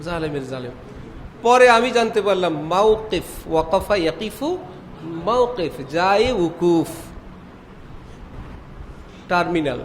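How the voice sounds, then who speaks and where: A man preaching a sermon, full of rhetorical questions and lively imitations of Arabic pronunciation. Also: high voice, slow, long pauses. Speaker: Islamic preacher. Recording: faint background noise.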